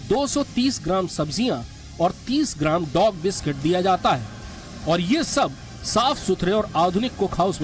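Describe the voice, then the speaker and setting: A man reading scripted documentary narration as the narrator. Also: high-pitched. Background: music.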